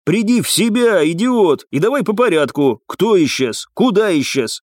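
A blunt soldier-ranger in an audiobook, rough and scolding, raising his voice a little above the narrator's, as a male reader plays him. The delivery is lively and the recording close and dry. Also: high-pitched, normal speed, no room sound, voice pushed up.

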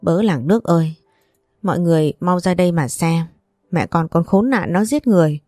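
A woman voicing a furious, foul-mouthed old grandmother who curses and scolds, with soft music behind. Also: normal speed, no room sound, studio quality, close to an everyday voice. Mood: outraged. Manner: cursing, shrill scolding.

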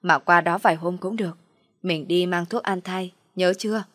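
Woman voicing a gentle caring young husband. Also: lowish voice, fairly even intonation, moderate pace, no echo, studio quality, lightly acted.

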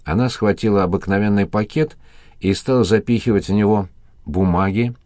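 A man narrating an audiobook in a steady, even reading voice. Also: lowish voice, normal speed, no echo, clean studio sound. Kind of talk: scripted narration.

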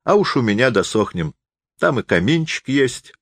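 A man's voice: medium pitch, sing-song, normal speed, dry recording, studio quality, voice pushed up. A man playing a boastful, petulant middle-aged schemer who talks with smug, relishing bluster.

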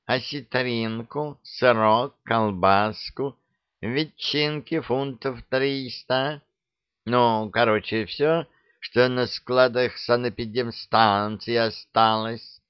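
A man's voice: mid-range voice, steady tone, slow pace, clear, resonant tone, no room sound, natural voice. A man voicing a greedy, boastful male talking cat with an indignant, wheedling manner, on a dry, dull recording.

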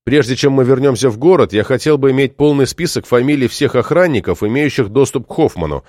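A man's voice: mid-range voice, expressive, fast talker, darkish tone, no room sound, lightly acted. A dry, probing police constable asks his questions plainly, in the reader's own voice. The tone is matter-of-fact, recorded close with no room sound.

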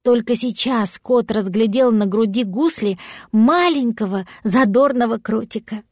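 A woman narrating a children's storybook aloud with gentle expressive telling. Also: on the high side, measured pace, no echo, studio quality. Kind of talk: audiobook storytelling.

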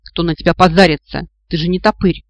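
A man voicing a feisty, sharp-tongued young woman who scolds and mocks her companions, in a storybook reading. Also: a little high, steady tone, a little fast, no echo, close to an everyday voice. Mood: scolding. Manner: sarcastic, exasperated, scolding.

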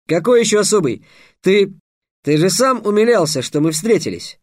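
Мужчина-чтец озвучивает гордого, вспыльчивого мальчика-ученика мага, громко восклицающего в обиде. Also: male voice, high-pitched, very animated, darkish tone, no echo, studio quality, pitched above the performer's own voice. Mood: upset. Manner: exclaiming, quick to take offence. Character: proud, indignant teenage boy apprentice mage.

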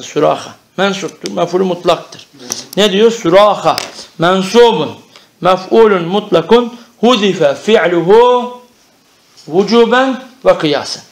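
A man's voice: high-pitched, gravelly. A man teaching an Arabic grammar lesson, explaining step by step and often checking that the class understands.

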